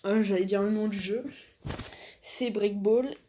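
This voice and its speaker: A woman's voice: medium pitch, steady tone, unhurried, warm tone, a little hiss or hum. Rambling woman hosting a game tutorial. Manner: rambling, filler-heavy, self-deprecating chatter. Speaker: gaming tutorial host. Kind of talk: casual screen-recorded game tutorial.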